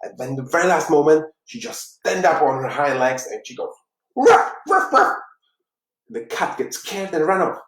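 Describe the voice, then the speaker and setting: A man from the Czech Republic with a Czech accent, a life coach giving an earnest, halting motivational talk on a live stream. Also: fairly high pitch. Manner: earnest, halting, with frequent restarts. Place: room in Los Angeles. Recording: roomy, distant mic.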